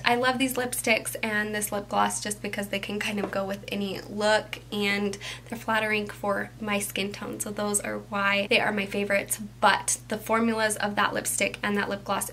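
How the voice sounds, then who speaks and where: A young woman talking through a makeup tutorial at home, chatty and enthusiastic, sometimes dropping to a soft whisper. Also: medium pitch, steady tone, moderate pace, a little hiss or hum. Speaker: beauty vlogger.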